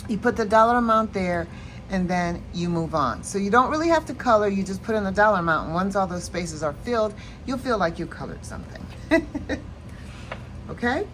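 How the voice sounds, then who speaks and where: A woman casually walking through her savings challenges in a planner vlog, relaxed and chatty with many fillers, tired and yawning late at night. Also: medium pitch, brisk, slight background noise. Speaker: planner and budgeting vlogger. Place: at home at night.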